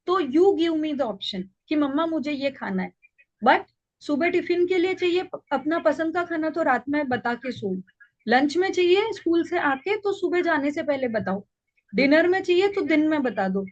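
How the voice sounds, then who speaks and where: A woman parenting coach giving an online class, mixing Hindi and English in a gentle, advising tone. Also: high-pitched, animated, measured pace, highs cut off.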